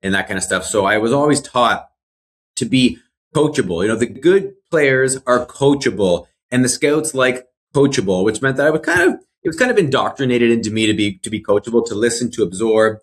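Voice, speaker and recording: Guest, man in his 40s, mid-pitched, brisk, reflective and sincere. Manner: earnest, reflective, repeats words as he thinks. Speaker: mortgage broker guest. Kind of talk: casual interview.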